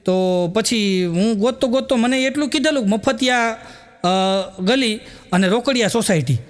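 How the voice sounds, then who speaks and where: A man's voice: very high voice, moderate pace. A man with a Gujarati accent, telling comic stories and slipping into quoted voices, chuckling as he goes. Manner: storytelling with acted quotes and frequent chuckles. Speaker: stand-up comedian.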